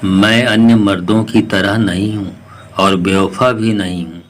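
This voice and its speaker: A man voicing a grieving male parrot in a storybook tale, speaking softly and pleading. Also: fairly low pitch, fairly even intonation, unhurried, natural voice. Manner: soft, pleading.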